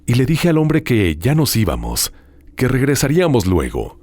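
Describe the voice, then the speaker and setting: A man hosting a show, reading listener horror stories aloud in a dramatic, hushed storytelling manner with drawn-out pauses. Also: mid-range voice, wildly swooping pitch, no room sound. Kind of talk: scripted horror narration.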